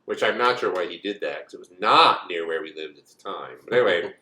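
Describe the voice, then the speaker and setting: A man's voice: deep voice, animated, fast, pushed and bright. A man in his forties from the United States, telling a personal story in a rambling, casual way with many asides. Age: 40s. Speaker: co-host. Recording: echoey room.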